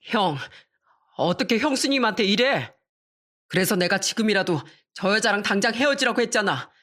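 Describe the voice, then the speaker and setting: A woman's voice: medium pitch, lively intonation, normal speed, fairly bright tone. A woman voicing a polite but firm young brother-in-law who speaks earnestly and protectively.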